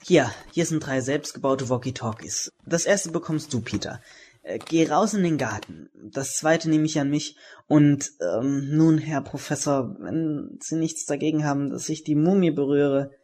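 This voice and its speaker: A man's voice: on the high side, a little mellow, slight background noise. An actor playing a clever, commanding young male teen detective in a radio play. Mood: instructing. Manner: brisk, commanding.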